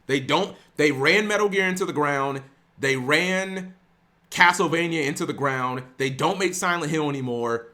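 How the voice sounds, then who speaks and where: A man's voice: a little high, pushed and bright. A young man streaming, ranting casually to his live chat with lots of restarts and some swearing.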